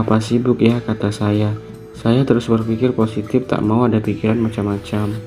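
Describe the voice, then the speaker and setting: A man narrates a horror tale in a low, mellow voice that rarely rises or falls. His delivery is calm, subdued and reflective. Gentle guitar plays faintly underneath him. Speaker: storyteller. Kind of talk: narrating a true horror story.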